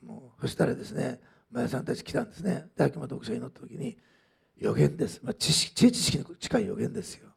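A man's voice: on the high side, very animated, fast, creaky, husky. A man preaching a sermon in a conversational way, with frequent asides and fillers as he tells a testimony. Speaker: pastor.

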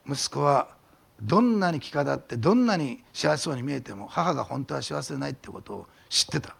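A man, preaching a sermon as pastor, telling a testimony with animated storytelling and sudden drops to whispers. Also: mid-range voice, brisk, gravelly, breathy edge.

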